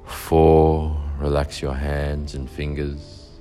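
A man leading a guided relaxation meditation, giving calm, soothing instructions with long pauses. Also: rumbling low, soft background music.

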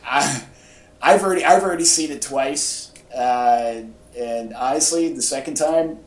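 Unhurried and medium in pitch, this male podcast host chats casually about pop culture with a fan's enthusiasm, peppering his talk with slang. His audio has the echoey, roomy feel of a home setup.

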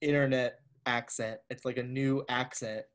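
A man co-hosts a relaxed podcast conversation, voicing opinions and jokes about everyday quirks. His voice sits at a middle pitch, and his delivery is loose and conversational. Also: normal speed. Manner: opinionated, joking, explaining pet peeves. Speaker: podcast co-host. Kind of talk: casual chat.

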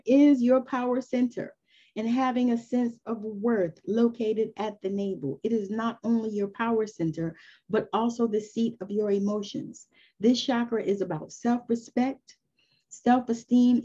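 A woman's voice: fairly high pitch, measured pace, warm tone, lo-fi sound. A woman in her fifties giving an earnest, encouraging spoken lesson on spiritual growth in a loose, conversational way. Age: 50s. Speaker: spiritual teacher.

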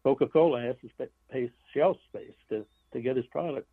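A man's voice: medium pitch, brisk, slightly rough, dry recording. Rambling male guest on a phone line. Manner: rambling, restarts phrases, blunt opinions. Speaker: author and interview guest. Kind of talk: casual interview talk.

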